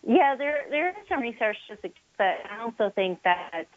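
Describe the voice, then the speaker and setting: A woman guest sociologist speaking in a measured, explanatory way on a radio interview, her phone line cutting in and out. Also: on the high side, lively intonation, dry recording. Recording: tinny phone line, dropping out.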